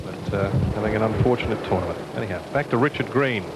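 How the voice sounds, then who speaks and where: A man's voice: fairly low pitch, fast talker. A man anchoring live television golf commentary. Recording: loud outdoor ambient noise.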